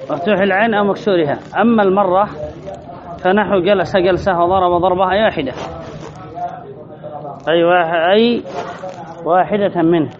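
In this dull lo-fi recording, a high-voiced sheikh explains an Arabic grammar text to a class, reading each line before unpacking it, repeating phrases and posing questions. He speaks fairly quickly with fairly even intonation and frequent pauses, while crowd noise carries throughout.

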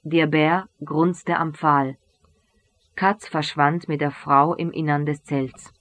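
A reader narrating a German novel as an audiobook in a measured, even way. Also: medium pitch.

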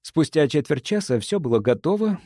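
Man, audiobook narrator, animated delivery, dry close sound. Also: fairly high pitch, moderate pace, no echo. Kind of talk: scripted first-person audiobook narration.

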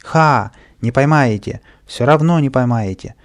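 A man voicing a mischievous small male imp in a children's storybook, shrill and boastful, sliding into whining. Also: expressive, moderate pace, warm tone, close to an everyday voice. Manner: shrill, boastful then whimpering.

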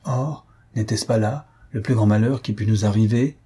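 A man voicing Silvius, a jovial young husband who argues playfully, with a very husky, dark voice. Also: on the low side, moderate pace.

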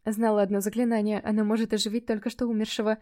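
A woman narrating a first-person fantasy audiobook, telling it in a measured way, livelier in dialogue and quieter in reflective asides. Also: medium pitch, level tone.

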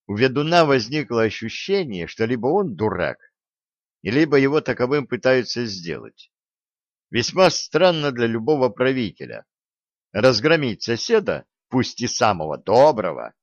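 A man narrating an audiobook in an even, wry storytelling manner. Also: medium pitch, no room sound, lo-fi sound. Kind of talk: scripted narration.

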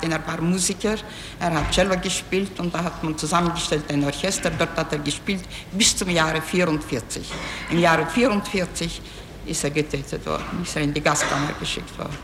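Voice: medium pitch, steady tone, brisk. A witness giving plain testimony with unusual word order in an old archival recording. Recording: old echoey archival recording in a hall with faint noise.

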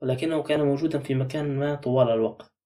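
A man's voice: mid-range voice, racing, warm tone, distant mic, lightly acted. A man voicing a tense, insistent young woman, talking with urgency.

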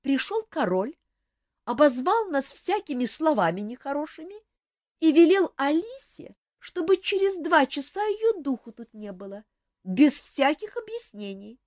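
A woman's voice: high voice, very animated, measured pace, a little mellow, no echo, clean studio sound, pitched above the performer's own voice. Woman doing a drawling, lazy court lady.

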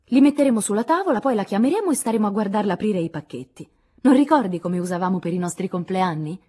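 Storybook teen girl, loud and emphatic, husky and raised in pitch; a woman plays her. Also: lively intonation, fast. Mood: forceful. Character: bold tomboyish teenage girl Jo.

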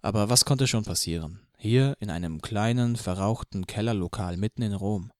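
A man narrating an audiobook in the first person, reading in a measured, even way. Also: lowish voice, no echo, studio quality.

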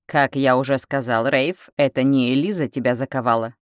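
A man's voice: mid-range voice, fairly even intonation, normal speed, clean tone, no echo, studio quality, natural voice. A woman doing a cool, persuasive male leader. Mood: cool, firm. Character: calm, scheming male leader pressing for talks.

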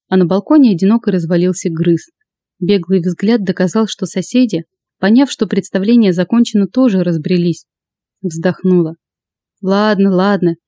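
Mellow-voiced woman narrating an audiobook. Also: medium pitch, normal speed, no room sound. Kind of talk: first-person audiobook narration.

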